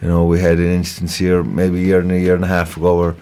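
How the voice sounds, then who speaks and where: Low-pitched Irish man with a Kerry accent. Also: monotone, fast talker, dark tone. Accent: Kerry, Ireland. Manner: hesitant, repeats words, conversational. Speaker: police sergeant, guest. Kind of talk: informal crime report interview on local radio.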